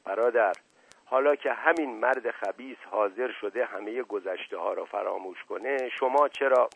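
A man's voice: mid-range voice, voice pushed up, lightly acted. A man voicing a reproachful older male colonel in a story reading, scolding and pleading. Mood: soothing. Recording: dry, slightly dull audio.

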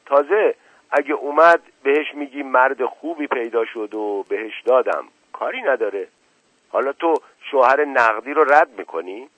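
A smug, pushy mullah who is keen to marry , as a man puts him on in a radio story, brushing off every objection. The voice is husky and somewhat higher than the narrator's own. The sound is dull and dry. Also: expressive, no echo. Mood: self-assured. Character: short, heavy middle-aged mullah, eager to wed.

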